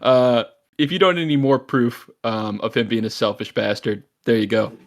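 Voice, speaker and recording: A man co-hosting a casual sports podcast talks loosely, joking and swearing freely. His voice sits at an ordinary middle pitch. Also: steady tone, normal speed. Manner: joking, profane. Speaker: podcast co-host.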